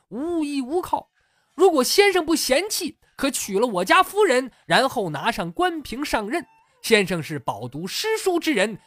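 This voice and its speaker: Scheming old secretary con man, put on by a storyteller, pleading, flowery old-style talk, lively swooping pitch. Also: no echo.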